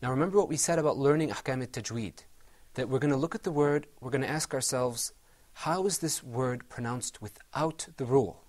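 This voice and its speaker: Guy teaching a recitation class, slow careful modeling, encouraging tone, mid-pitched. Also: darkish tone. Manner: encouraging, drawn-out modeling of pronunciations. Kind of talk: patient classroom instruction.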